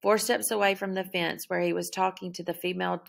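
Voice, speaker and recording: A woman reading a novel aloud as first-person narrator, in a steady, measured delivery. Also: on the low side, creaky. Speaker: audiobook narrator.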